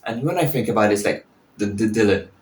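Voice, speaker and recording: A man's voice: lowish voice, expressive, fast, darkish tone. A man in his early twenties rambling casually and unscripted as a podcast host, often interrupting himself, recorded in an echoing bathroom. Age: early 20s. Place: small indoor bathroom. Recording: echoing bathroom, some background noise.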